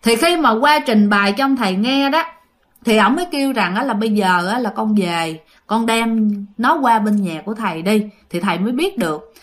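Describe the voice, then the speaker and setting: A woman's voice: fairly high pitch, animated, normal speed. A woman with a Southern Vietnamese accent telling a ghost story in a chatty, casual way, addressing her listeners. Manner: chatty, addresses listeners directly, many fillers.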